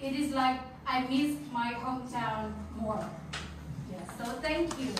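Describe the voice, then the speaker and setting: Slow, high-voiced woman, very echoey. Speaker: audience commenter. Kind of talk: informal comment and question. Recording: echoey noisy room, distant mic.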